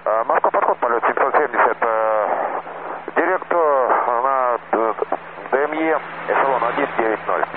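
A man's voice: mid-range voice, moderate pace, hardly any pauses. A man speaking as an airline pilot, making clipped calls over a radio transmission. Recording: tinny radio with clear noise.

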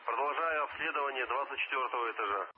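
A fast-talking man at medium pitch leads a firefighter crew. Over a two-way radio he gives terse, formal reports with call signs, ending each transmission with "over," the audio muffled with faint hiss.

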